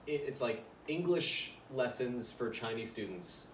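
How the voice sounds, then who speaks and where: A young adult man who works as a voiceover actor chats casually as a podcast guest, filling his talk with fillers. His medium-pitched voice is lively and unhurried, picked up by a far mic in a roomy space with faint noise.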